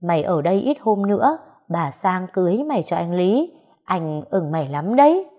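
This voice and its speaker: A woman voicing a stout, fierce older village woman with a gruff deep voice and a domineering manner. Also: big pitch swings, moderate pace, mellow.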